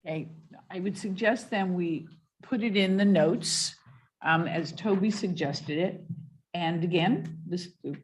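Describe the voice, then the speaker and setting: A woman's voice: fairly low pitch, low-quality recording. Woman chairing a commission meeting. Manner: methodical, reads wording out slowly. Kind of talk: leading a public meeting. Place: meeting room.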